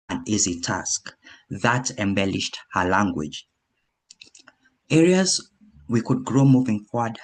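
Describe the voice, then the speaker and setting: Man, grammarian at an online meeting; unhurried, lowish voice, precise, corrects himself. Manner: measured, corrects himself mid-phrase. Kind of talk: meeting feedback report. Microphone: video call.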